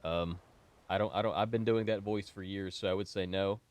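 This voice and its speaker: A man's voice: low voice, fairly even intonation, fairly quick. A sick, stuffy man casting a game tournament on a live stream, chatty and playful and prone to wandering off topic. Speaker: esports tournament caster. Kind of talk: casual live-stream commentary.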